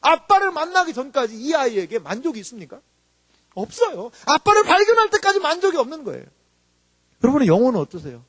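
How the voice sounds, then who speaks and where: A man preaching a sermon as a pastor, swinging from loud impassioned calls to quiet, murmured asides. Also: extremely high pitch, huge pitch swings, fast talker, no echo.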